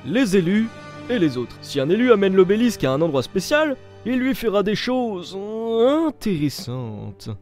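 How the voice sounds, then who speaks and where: Guy putting on a hammy villain voice, high and swoopy, music behind. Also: very animated, brisk, a little mellow. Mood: mock-solemn.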